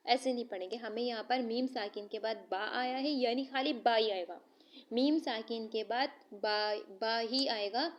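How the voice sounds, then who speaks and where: A woman teaching Quran recitation, patiently explaining each rule and asking and answering her own questions. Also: fairly high pitch. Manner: chants example verses slowly and drawn out. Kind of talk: recitation lesson.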